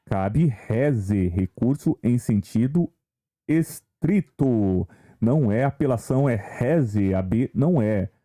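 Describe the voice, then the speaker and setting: In an online law lesson aimed at exam prep, a man speaks with a warm, medium-pitched voice and lively intonation. He's unhurried yet barely pauses, stepping viewers through questions and asking rhetorical ones.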